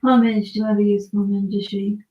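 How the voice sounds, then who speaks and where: A woman leading a Buddhist practice, speaking earnestly and in a measured way, softly announcing and reading prayers aloud inside an echoey cave. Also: mid-range voice, level tone, highs cut off. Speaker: leader of a Buddhist practice session. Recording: echoey cave, distant mic.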